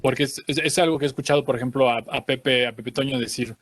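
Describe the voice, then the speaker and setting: A man's voice: mid-range voice, fairly even intonation, quick pace, fairly bright tone, a little hiss or hum. A young adult man giving a conference talk about creating cartoons, explaining carefully and searching for his words.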